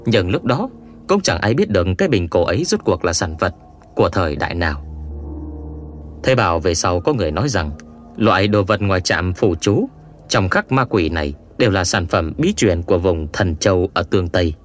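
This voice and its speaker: A man reading an adventure audiobook aloud in a measured, expressive first-person storytelling manner. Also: low voice, faint music behind. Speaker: audiobook narrator. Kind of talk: scripted first-person narration.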